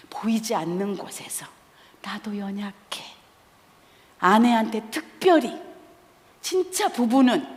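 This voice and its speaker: A middle-aged woman preaching as a guest speaker, her fairly high voice carrying through a church hall with a long echo. She talks bluntly and with comic timing and acts out the people in her stories. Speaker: guest speaker, counseling professor. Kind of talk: sermon with anecdotes. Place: church sanctuary.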